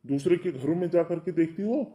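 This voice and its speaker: A man's voice: a little high, fairly quick, warm tone, natural voice. A man voicing a young married son in a cartoon, who lectures his wife sternly about respecting his mother. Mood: lecturing. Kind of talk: cartoon voice acting.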